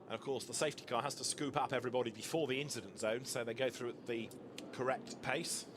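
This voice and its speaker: Casting: male motorsport commentator, mid-pitched voice, vivid running race narrative, heavy engine noise behind him. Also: fairly even intonation, quick pace. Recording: loud engine and outdoor track noise. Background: racing cars and trackside ambience.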